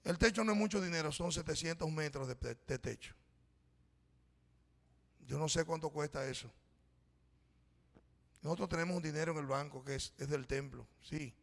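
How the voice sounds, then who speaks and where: The pastor here is a middle-aged man with a fairly high, fairly bright, gravelly voice, speaking at a moderate pace with long pauses. He preaches a sermon in church, telling a personal story conversationally and calling the congregation brothers, recorded in a reverberant hall.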